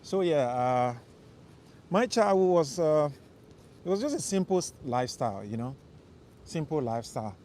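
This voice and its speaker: Out on night-time city streets, this young livestreamer from Liberia chats loosely with his audience and takes their questions. He sounds rather high-pitched and a little mellow, with lively intonation, a moderate pace and long pauses, while traffic hums faintly in the background.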